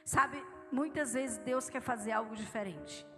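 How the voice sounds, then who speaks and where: A woman's voice: on the high side, a little slow. A woman pastor from Brazil preaching a live sermon in church, telling stories in an earnest way and speaking straight to the congregation. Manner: storytelling, earnest, addresses the congregation directly. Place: large church hall with live audience. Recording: echoey church hall, soft background music.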